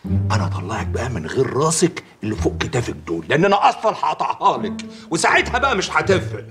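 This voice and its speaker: An actor with an Egyptian accent playing a jealous, threatening husband who mocks and then barks orders. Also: male voice, mid-range voice, sing-song, rapid-fire, soft background music. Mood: menacing mockery. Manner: sarcastic, threatening, swings from hushed to loud. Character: menacing jealous husband, mocking and volatile. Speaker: controlling husband.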